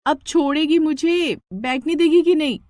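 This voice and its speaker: A woman's voice: high voice, measured pace, darkish tone, dry recording, studio quality, voice pushed up. A woman voicing a cheerful, bantering married elder sister in a storybook cartoon. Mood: teasing. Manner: bantering, affectionate. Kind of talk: storybook narration.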